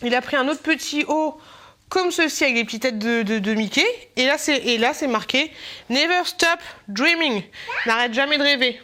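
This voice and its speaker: A woman's voice: sits high, a bit bright. A young woman chatting casually as she shows a clothing haul. She rambles, laughs often and turns aside to talk to her baby. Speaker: mom vlogger showing a clothing haul.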